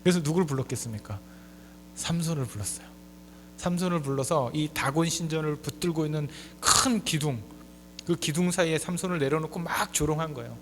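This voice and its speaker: A man in his forties delivers a sermon with a fairly high voice, dropping low and quiet, then surging loud and high for emphasis. The church room gives a long reverb tail, and a faint electrical hum sits underneath. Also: a little fast. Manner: emphatic preaching, swinging from soft low asides to loud high appeals. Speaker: pastor. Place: church sanctuary.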